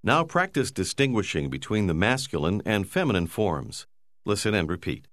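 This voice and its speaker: A man narrating a language course, giving slow, clear, measured prompts. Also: on the low side, big pitch swings, a bit bright, no echo, studio quality. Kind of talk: scripted instructional narration.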